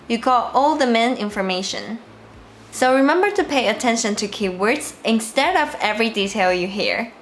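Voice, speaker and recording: Female Mandarin teacher and channel host, slightly high voice, clear and deliberate delivery, scripted lesson. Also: fairly bright tone, a little hiss or hum. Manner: clear, deliberate explaining to learners.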